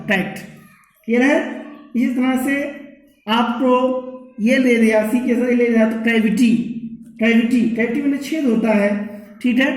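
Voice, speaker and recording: A man's voice: extremely high pitch, echoey room, rough recording. A man teaching an English pronunciation lesson, spelling words letter by letter and often checking in with "ठीक है".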